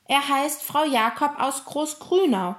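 A woman reading a storybook voices an angry boy who shouts and pleads, close to tears. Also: a little high, animated, normal speed, voice pushed up. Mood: indignant.

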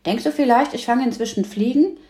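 A woman's voice: on the high side, a little fast, warm tone, pitched above the performer's own voice, lightly acted. A woman doing a cheeky sassy girl. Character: cheeky lively young girl cousin.

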